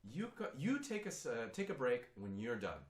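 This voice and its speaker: A man's voice: mid-range voice, big pitch swings, normal speed. A man leading an online singing lesson, who coaches encouragingly and demonstrates sounds by singing, a German speaker by first language. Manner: encouraging, talks the learner through, demonstrates vowels by singing. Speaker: singing teacher. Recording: roomy, with guitar faintly behind.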